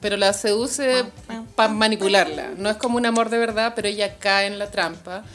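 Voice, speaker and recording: A woman's voice: medium pitch, normal speed, fairly bright tone, soft background music. A young Chilean woman co-hosting a podcast in casual chat, laughing often and finishing her partner's sentences. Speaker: podcast co-host.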